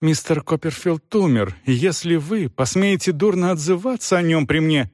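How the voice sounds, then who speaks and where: A man's voice: on the high side, moderate pace, a little mellow, no room sound, clean studio sound, voice pushed up, lightly acted. A man voicing a timid, frightened young widow in an audiobook reading, with a faltering, tremulous, helpless way of speaking.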